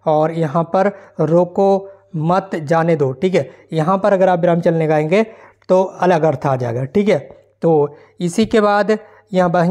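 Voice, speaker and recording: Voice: mid-range voice, darkish tone. Patient online teacher going through model answers. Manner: explanatory, reads questions aloud and checks in with frequent "theek hai". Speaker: exam-prep teacher. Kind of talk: online exam-prep lesson reading model answers.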